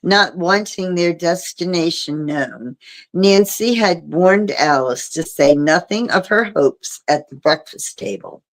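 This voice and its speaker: Slow, low-voiced woman reading aloud. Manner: slow, steady storybook reading. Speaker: reader. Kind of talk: reading a novel aloud on a livestream.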